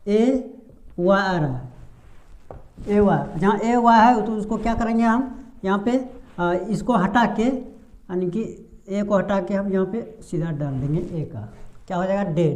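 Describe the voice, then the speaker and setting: A woman teaching a pronunciation lesson patiently and step by step, pausing on drawn-out fillers and asking the class rhetorical questions. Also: mid-range voice, darkish tone. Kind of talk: blackboard-style lesson explanation.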